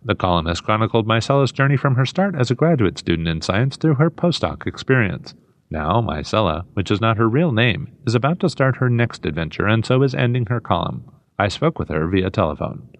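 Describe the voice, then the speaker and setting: A male host speaks in a fairly low voice with measured, scripted interview phrasing. The recording is very dry, with no room sound around him. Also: sing-song, no echo. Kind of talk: scripted introduction and interview questions.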